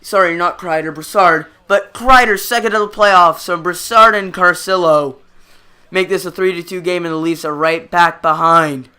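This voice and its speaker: A man giving play-by-play hockey commentary over a video game in an excitable broadcaster style that erupts when goals go in. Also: sits high, moderate pace, clean tone. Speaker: gaming channel host.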